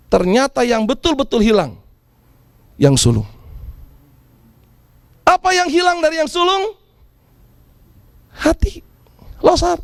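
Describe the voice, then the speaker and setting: Animated high-voiced preacher. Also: male voice, vocal fry, dry recording. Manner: animated, acts out characters with shouts and laughs. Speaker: pastor. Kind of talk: sermon.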